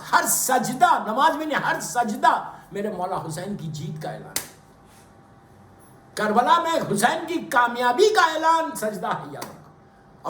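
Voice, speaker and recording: A man's voice: extremely high pitch, fairly bright tone. A man preaching a sermon at a memorial gathering, emphatic and repeating his phrases, with English words mixed in. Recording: echoey room with faint noise.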